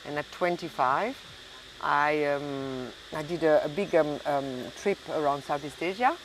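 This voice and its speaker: This interview guest, a middle-aged woman who runs a hotel and restaurant, grew up speaking French in Belgium and southern France and has a French accent. Her low-pitched voice moves a little slowly as she chats casually, frequently hunting for the right word. It's a low-quality recording with slight hiss or hum.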